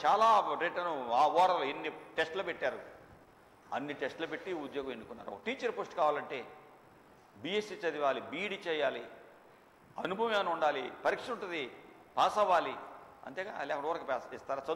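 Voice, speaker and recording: A middle-aged man preaching a sermon as pastor, shifting from quiet storytelling to loud, slow proclaiming. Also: fairly high pitch, slight background noise. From India. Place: church hall. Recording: echoey church hall with long reverb.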